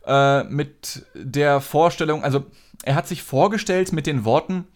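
A man's voice: a little high, a little slow. A man hosting a podcast, telling a story in a casual, joking and sarcastic way. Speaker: podcast host.

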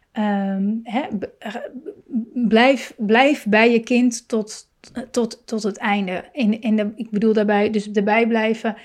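A woman speaking gently as a parenting coach, with many fillers, restarts and soft laughs. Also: a little high. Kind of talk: calm spoken advice.

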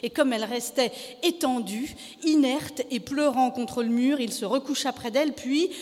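A woman narrating a story aloud in an expressive, dramatic reading style. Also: sits high, moderate pace, long reverb tail.

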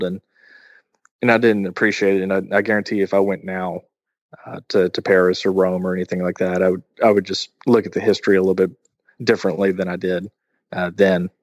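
A man's voice: sits low, flat delivery, fairly quick, no room sound, dull audio. A man co-hosting a podcast, chatting casually and telling long anecdotes. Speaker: podcast co-host.

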